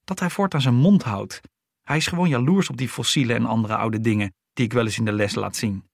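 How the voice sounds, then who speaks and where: A man's voice: medium pitch, brisk, creaky, breathy edge, no room sound, clean studio sound. A man voicing a stubborn, fed-up schoolboy who talks bluntly and grumbles. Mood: annoyed.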